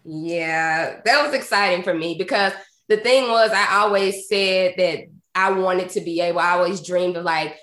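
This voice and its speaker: A woman in her thirties hosts a podcast in a casual, conversational interview, upbeat, energetic and laughing often. Her voice is on the low side, moderately paced and a little nasal from congestion, and the recording is reverberant.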